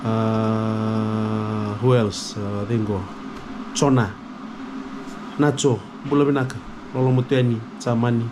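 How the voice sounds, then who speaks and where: A man with a Fijian accent chatting casually to vlog viewers and giving shout-outs, often pausing mid-sentence. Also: medium pitch. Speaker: vlogger. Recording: clear background noise.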